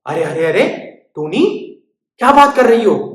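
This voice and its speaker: Woman doing a squeaky timid mouse. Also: sing-song, drawn-out words, heavily acted. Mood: fussy. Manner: high, fussy, fearful refusals. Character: timid friendly male mouse. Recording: roomy echo.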